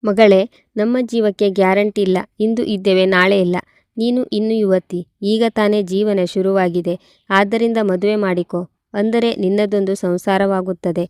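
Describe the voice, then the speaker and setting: An elderly grandfather over sixty pleads gently and anxiously, voiced by a woman narrator. The voice is smooth and clear. It is recorded close and dry. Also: medium pitch, fairly even intonation, moderate pace, dry recording, close to an everyday voice. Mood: concerned.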